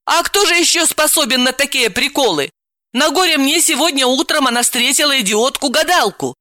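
A woman voicing a hot-tempered young woman who scolds and snaps in a high, indignant voice, in a storybook reading. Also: lively intonation, fairly quick, bright, forceful tone, no room sound, studio quality. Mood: scolding.

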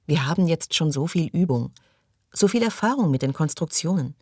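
Audiobook figure: anxious young woman, higher and tearful, read by a man. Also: animated, normal speed, darkish tone, dry recording, studio quality. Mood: anxious, forlorn. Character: distraught young woman, lonely and frightened.

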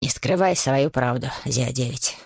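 A big, steady man speaks low and slow, his voice gravelly and husky, as a woman reading the story puts him on. The sound is dry and close. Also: no room sound, heavily acted. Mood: calm.

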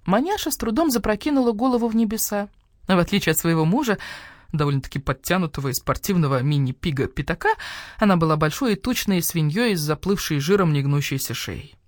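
A woman with a slightly low voice reads a children's story, her intonation swinging widely and playfully. The recording is dry and close, with no room sound. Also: animated, fast, dry recording. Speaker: audiobook narrator. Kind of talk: expressive children's audiobook narration.

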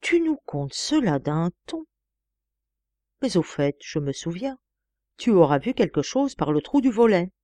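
Old agent, male, gruff, touchy, warm lively voice, put on by a woman. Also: lowish voice, no echo. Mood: astonished. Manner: gruff, exclamatory, quick to take offence.

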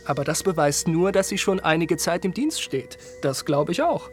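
A man doing a mocking young gentleman, radio play, high voice, faint music behind. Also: moderate pace, close to an everyday voice. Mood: casual. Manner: mocking, lively, theatrical. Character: flippant, teasing male acquaintance, a young gentleman.

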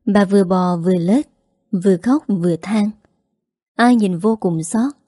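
A woman's voice: mid-range voice, measured pace, warm tone, dry recording, clean studio sound. A woman with a Southern Vietnamese accent narrating a story in a plain, conversational way.

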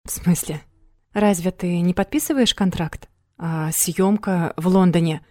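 A woman reading an audiobook, voicing a gentle, quiet young man. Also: on the low side, steady tone, measured pace, no room sound, clean studio sound, lightly acted.

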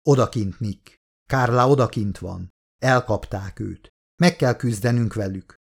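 A man's voice: fairly low pitch, gravelly, slightly rough. A man reading a commanding man under siege. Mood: urgent. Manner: commanding, urgent.

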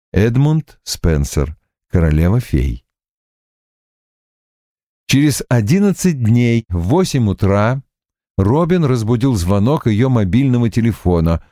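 Male audiobook narrator, expressive, animated delivery, dry close-mic sound. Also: on the low side, dry recording. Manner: expressive, measured reading.

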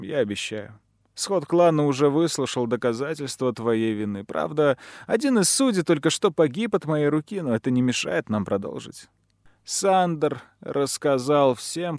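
A ruthless usurping chieftain from an audiobook, played by a man who lifts his voice for him, issuing orders in a commanding, mocking tone. The voice sits a little higher and louder than plain narration. The recording is dry and close. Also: dry recording. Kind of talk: audiobook character reading.

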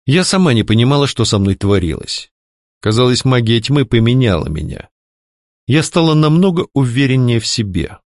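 Lively-voiced man narrating a fantasy audiobook. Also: mid-range voice, normal speed, dry recording, studio quality. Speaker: audiobook reader. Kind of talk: first-person fantasy novel narration.

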